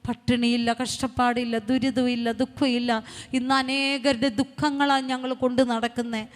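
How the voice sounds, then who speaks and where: A woman preacher giving a fervent sermon and testimony, speaking in short repeated phrases that build to loud exhortation. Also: a little high, level tone, normal speed. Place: retreat centre hall. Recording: long hall reverb.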